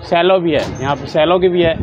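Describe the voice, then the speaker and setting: A man in his thirties giving a steady salesman's patter in a small crowded shop, running through brands and prices. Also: fairly high pitch, brisk. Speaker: wholesale shopkeeper. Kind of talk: sales pitch for a shop tour. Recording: slightly dull, faint background hum.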